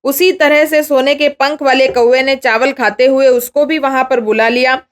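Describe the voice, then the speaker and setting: A woman's voice: sits high, steady tone, moderate pace. A woman Sanskrit teacher, explaining a textbook lesson line by line and often putting questions to her students.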